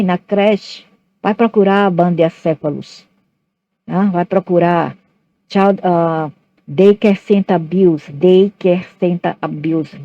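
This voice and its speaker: A woman telling a personal story in a bitter, ranting monologue, in a dull lo-fi recording. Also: fairly low pitch.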